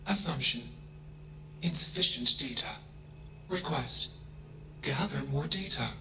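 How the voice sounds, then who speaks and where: A man's voice: medium pitch, lively intonation, measured pace, bright, forceful tone, roomy sound, slight background noise, exaggerated voice. An actor playing an emotionless male-voiced AI machine that speaks in terse, clipped announcements.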